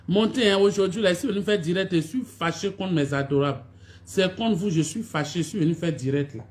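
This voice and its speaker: A woman's voice: lowish voice, brisk, darkish tone. A woman, an actress chatting on a phone live stream, scolding and complaining to her followers and greeting them over and over. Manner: scolding, complaining, repeats greetings and "my dears" to viewers. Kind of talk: casual live-stream chat.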